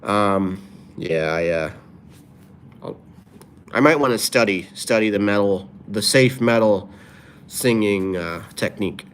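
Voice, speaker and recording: A man's voice: fairly low pitch, takes it slowly, pauses often, slight background noise. A man talking casually on a live stream, reading out viewer comments and dropping playful improvised rhymes. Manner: playful, drops off-the-cuff rhymes.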